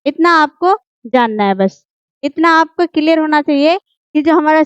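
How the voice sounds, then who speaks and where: Woman, Urdu teacher, patient and repetitive, high voice, dry dull lo-fi sound. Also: lively intonation, moderate pace, no room sound. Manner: patient, repeats checks like "ठीक है?". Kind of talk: explaining script lesson.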